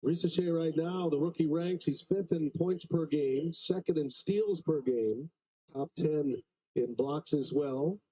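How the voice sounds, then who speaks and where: Husky, dark-voiced play-by-play man. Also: a little high, low-quality recording. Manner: brisk, reads out stats between plays. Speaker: play-by-play commentator. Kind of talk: live basketball commentary.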